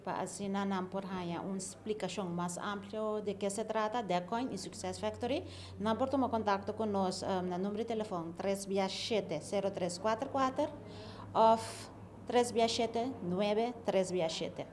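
A middle-aged woman, clearly inviting people to get in touch, speaking into a handheld mic in a news interview indoors. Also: medium pitch, normal speed, darkish tone, slight background noise. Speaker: business owner being interviewed. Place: indoor office at an opening event. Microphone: handheld reporter mic held close.

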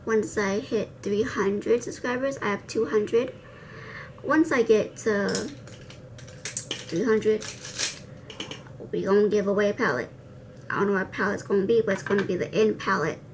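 A young woman vlogger talks through a makeup demo at an ordinary mid pitch, her r sounds leaning toward w. She is chatty, slangy and quick to poke fun at herself. The home recording has clear background noise. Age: young adult. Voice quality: soft r sounds, r said like w. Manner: playful, self-deprecating, slangy asides. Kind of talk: casual chatty tutorial. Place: indoor room with cloth backdrop, seated before camera.

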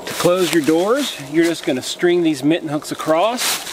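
A man's voice: a little high, normal speed, background noise. Man demonstrating camping gear in the woods. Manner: relaxed, hands-on explaining while demonstrating gear. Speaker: outdoor gear vlogger. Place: outdoors in a pine forest.

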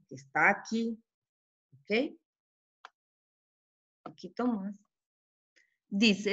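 A woman teaching young children to read, taking her time over every syllable. Her pace is unhurried and patient, and she keeps checking that the children follow. The recording is dull and lo-fi. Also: mid-range voice. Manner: slow and deliberate, often checking with "¿sí?"; sounds out syllables carefully. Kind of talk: children's reading lesson.

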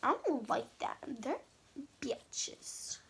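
A woman's voice: high voice, very animated, very slow, a bit bright, breathy edge, whispered. A young woman vlogging casually on a phone at home, boastful and rambling with sass. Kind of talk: casual vlog chat.

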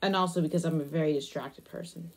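Talking fast in a low, steady voice, a young woman demonstrates crochet for her crafting vlog from a small indoor attic room. The chat is casual, and she's so absorbed she's half talking to herself.

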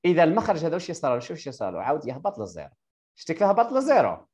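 A male electrical engineering teacher with an Algerian Arabic accent, giving a live tutoring lesson over a video call and quizzing his student with rapid-fire questions before confirming her answers. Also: fairly high pitch, huge pitch swings, darkish tone.

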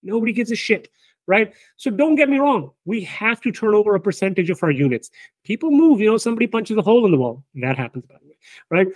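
A man, the company's founder, talking through business results in an emphatic, animated way, often checking in with "right?". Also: high-pitched, fast, no echo. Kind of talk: casual business discussion.

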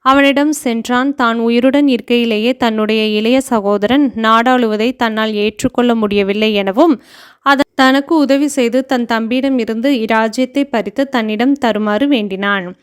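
Woman, storyteller, slow measured delivery, smooth clear voice, fairly high. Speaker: narrator. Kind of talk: scripted devotional storytelling.

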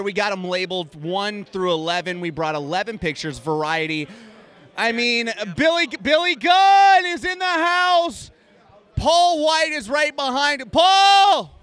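A man's voice: very high voice, fairly bright tone, smooth, voice pushed up. A man playing an overeager mock TV news reporter with a handheld mic in a crowded convention hall, delivering in an exaggerated newscaster way.

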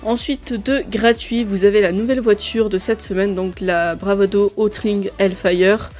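A woman's voice: medium pitch, fairly even intonation, measured pace, a little mellow, soft background music. A woman presenting a casual gaming news rundown, listing items in a chatty way with frequent fillers. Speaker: gaming video creator.

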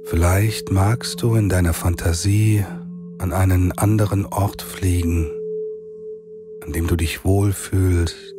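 A man narrating a guided sleep meditation like a soothing sleep-story narrator, with long pauses between phrases. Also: deep voice, fairly even intonation. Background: meditative singing bowl music.

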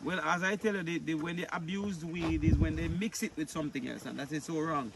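A middle-aged man with a Jamaican accent, a farmer answering interview questions outdoors in a relaxed, easygoing way. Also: a little high, fairly quick, vocal fry, background noise. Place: outdoors on a rural farm.

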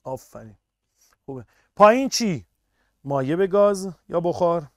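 A man teaching a live online physics class, energetic and upbeat, constantly urging students to answer and praising them. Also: on the high side, no echo, clean studio sound.

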